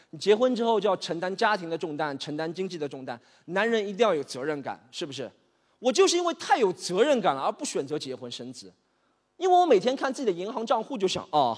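Animated, fast-talking male comedian. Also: high voice. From Shanghai. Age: 30s. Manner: animated, exasperated storytelling. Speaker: stand-up comedian. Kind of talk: stand-up comedy set. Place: comedy stage. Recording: reverberant hall.

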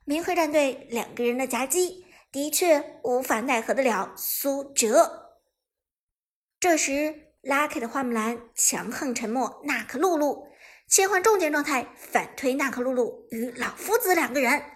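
A woman narrates a novel set in a competitive video game tournament. Her voice sits high, and her delivery is animated, rising sharply on the action beats. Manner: lively storytelling, bursts into fast shouted game commentary. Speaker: audiobook narrator. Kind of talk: scripted narration of a web novel.

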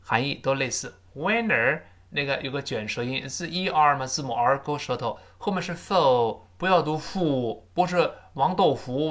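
A teacher giving a spoken English lesson, explaining in Chinese and repeating each phrase slowly for learners to copy. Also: mid-range voice, fairly bright tone. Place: lives abroad, teaching remotely.

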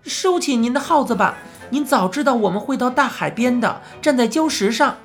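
Woman doing a persistent, bright-voiced child. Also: a little high, lively intonation, moderate pace, faint music behind, lightly acted. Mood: insistent. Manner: insistent, pressing questions. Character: curious, persistent child narrator-hero.

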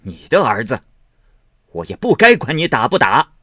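A man's voice: mid-range voice, wildly swooping pitch, moderate pace, fairly bright tone, husky, no room sound, clean studio sound, pitched above the performer's own voice, heavily acted. A man reading aloud and voicing a stern, grieving old matriarch who scolds her son with cold sneers. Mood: angry scolding.

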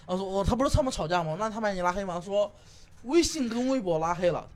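Man, high voice, very animated, quick, comedic storyteller, laughs a lot. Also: crowd noise. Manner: animated storyteller, acts out quotes, laughs often. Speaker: comedian co-host. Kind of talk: casual comedy podcast chat.

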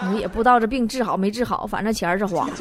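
Very fast and mid-range in pitch, a woman's voice cuts through heavy background noise. She's a comedy show host from Northeast China, speaking Northeastern-accented Mandarin in a playful comic monologue full of laughter.

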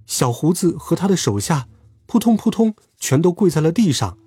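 A man telling a children's story aloud in a lively, expressive way. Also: fairly high pitch, moderate pace, husky, no room sound, soft background music.

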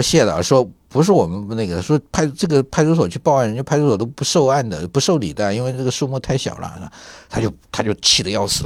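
A man's voice: mid-range voice, no echo, studio quality. A middle-aged man, a film professor, telling colloquial anecdotes as an interview guest and often asking his listener to agree. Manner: lively, acts out quoted voices; colloquial, many fillers and tag questions. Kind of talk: anecdotal storytelling.

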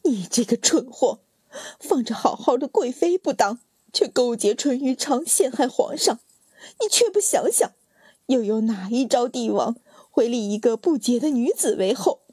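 A woman voicing a desperate, grief-stricken young noblewoman who is wronged, in a high, strained and tearful voice. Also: moderate pace, dark tone, no room sound, studio quality, natural voice. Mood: furious.

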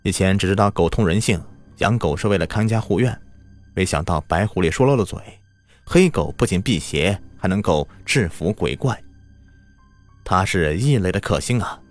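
A man voicing an anxious elder brother in a village, speaking softly to calm everyone down. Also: low-pitched, moderate pace, faint music behind. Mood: relieved. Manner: placating, soft-spoken.

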